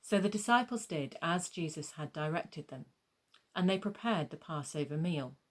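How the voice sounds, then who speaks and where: Female narrator for a scripted gospel reading, voice on the low side. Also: moderate pace.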